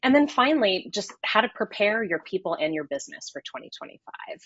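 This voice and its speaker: A woman's voice: medium pitch, sing-song, fairly quick, fairly bright tone, slightly rough, no echo. A woman moderating a business webinar, introducing speakers and running polls in an upbeat, scripted way. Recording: slightly dull, dry audio.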